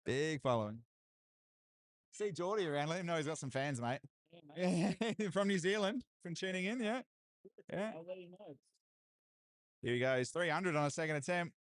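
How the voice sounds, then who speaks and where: A man doing live, excitable commentary on a strongman deadlift event, hyping lifts and chatting with viewers. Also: on the high side, moderate pace, pauses often, no echo. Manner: excitable hype, repeated cheers and laughs. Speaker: livestream commentator.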